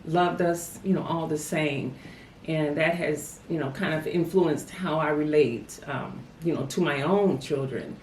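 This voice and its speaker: A woman's voice: on the low side, a little mellow, a little hiss or hum. A woman reflecting on family memories in an interview, telling stories with frequent "you know". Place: family home. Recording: roomy sound from a distant mic.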